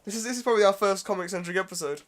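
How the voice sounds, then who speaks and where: A man co-hosting a casual podcast chat, jokey and excitable. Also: high voice, very fast, a crowd in the background. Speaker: podcast co-host.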